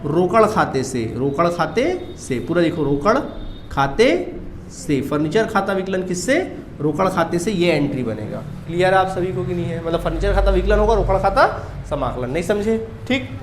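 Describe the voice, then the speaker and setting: Male commerce teacher, high voice, roomy classroom echo, quizzing his class. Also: lively intonation, a little fast, slight background noise. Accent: Chhattisgarhi Hindi. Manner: drills students with repeated questions. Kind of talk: classroom lecture.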